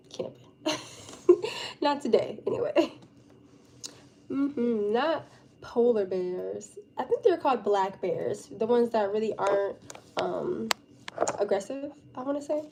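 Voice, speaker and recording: A woman's voice: on the high side, slow pace, pauses often. A young woman live streamer chatting casually and informally with her viewers, with a giggly, chatty manner. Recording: steady background noise.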